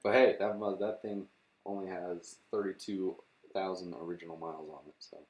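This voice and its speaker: A man's voice: sits low, steady tone, moderate pace, darkish tone. A young man co-hosting a podcast, chatting casually and reading out facts with lots of fillers and the odd swear. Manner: laid-back, reads car facts with fillers and swearing. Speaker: podcast co-host. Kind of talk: casual chat.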